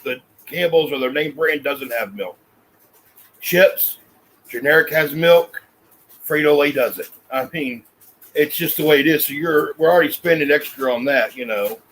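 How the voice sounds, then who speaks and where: A man's voice: fairly high pitch, moderate pace, fairly bright tone, poor audio. A man, chatting casually and folksily as a family vlog host. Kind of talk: casual chat.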